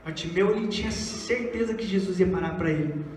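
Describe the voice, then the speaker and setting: High-voiced man preaching in echoey hall. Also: brisk, darkish tone, a little hiss or hum. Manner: dramatic, acts out voices of the story. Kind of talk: sermon. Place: church hall. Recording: echoey church hall from far off.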